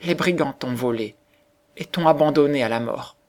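A man's voice: a little high, normal speed, pitched above the performer's own voice, lightly acted. Man doing the pleading beggar mother. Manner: soft, pleading, quiet.

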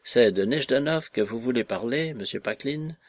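A man reading aloud who voices a grave, grumbling male conspirator with a deep bass voice. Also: expressive, moderate pace, no echo, close to an everyday voice. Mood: dryly serious. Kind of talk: audiobook character voice.

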